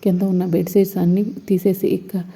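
A woman with a low, mellow, dark voice retells a serial episode in an easy, casual flow. Her tone is husky and breathy, and she reads out the characters' lines as she moves the story along. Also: little pitch movement, brisk. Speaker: serial recap narrator.

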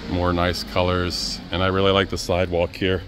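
A man with a low, deep voice narrates a casual walking tour out in the streets. He talks in a relaxed, chatty way and keeps calling his viewers "guys". Faint traffic hums in the background. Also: normal speed. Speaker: travel vlogger. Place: outdoors on city streets. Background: faint street and traffic noise.

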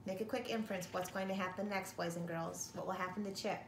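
Reading a picture book to young kids, this middle-aged woman sounds like a teacher talking to her class: expressive, quick, steady in tone, medium-pitched and gravelly. It was captured in her living room by a nearby camera or phone, and the home recording is roomy with a little noise.

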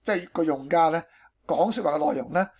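Hong kong guy doing a casual coding screencast, pretty high voice, drops in english tech words. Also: quick pace, darkish tone, slightly rough. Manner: peppers speech with English technical terms. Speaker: programming tutorial presenter. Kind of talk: informal screencast tutorial explanation.

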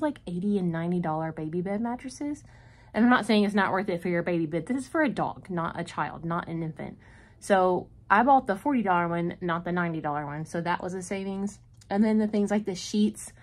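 A woman in a casual shopping haul vlog, chatting through her purchases and adding up prices and savings. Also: on the low side. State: out of breath. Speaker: vlogger.

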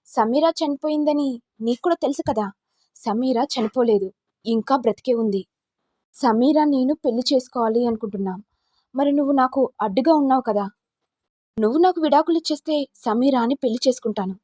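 A woman's voice: sits high, moderate pace, dark tone, no room sound. A woman voicing a scornful angry husband. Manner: scolding, contemptuous.

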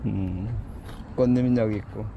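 A man's voice: fairly even intonation, normal speed, vocal fry, lo-fi sound. Man cooing to street cats outdoors. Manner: coos to the cats in a raised, sing-song baby-talk voice; quiet, low asides when narrating to the camera. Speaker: street cat caretaker. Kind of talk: casual vlog narration while feeding cats. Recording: outdoor street noise with passing traffic.

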